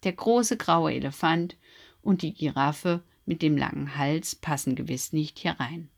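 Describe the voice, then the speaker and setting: A woman voicing Mary, a gentle young mother, speaking calmly and kindly. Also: low-pitched, a little slow, creaky, husky, heavily acted.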